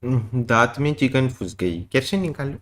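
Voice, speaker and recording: A man's voice: medium pitch, lively intonation, normal speed. A male livestreamer in casual chat, joking and reading out super chats, mixing in English phrases.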